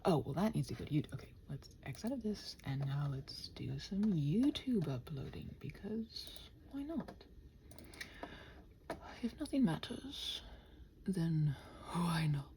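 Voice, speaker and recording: An ASMR audio creator rambles playfully and chattily to listeners in an unscripted way, muttering to herself and talking to her computer as she works. Her voice sits low and is very animated yet unhurried, with background noise present.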